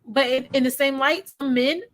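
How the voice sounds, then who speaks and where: An American woman co-hosting a podcast, chatty and quick, often laughing through her words. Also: high-pitched, fairly even intonation. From United States. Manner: chatty, quick bursts, laughs while talking. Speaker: podcast co-host. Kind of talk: casual chat.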